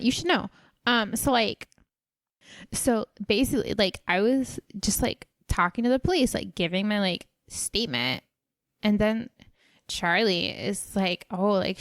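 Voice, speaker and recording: A woman's voice: mid-range voice, no room sound, clean studio sound, voice pushed down. A woman voicing a scattered young valley-girl character in a tabletop role-play, packing every phrase with filler words. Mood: chatty.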